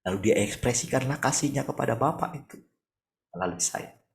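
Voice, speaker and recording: Pastor, male, gravelly, conversational sermon on a video call, soft to raised. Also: mid-range voice, expressive, fairly quick. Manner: conversational preaching, rhetorical questions, shifts between soft and raised voice. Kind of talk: morning devotional sermon over video call.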